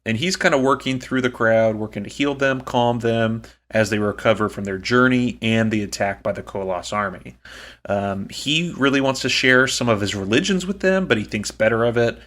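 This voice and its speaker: A man's voice: medium pitch, moderate pace, fairly bright tone. A man co-hosting a podcast, recapping a book in a chatty, joking way with lots of ums. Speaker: podcast co-host. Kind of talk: casual book-recap chat.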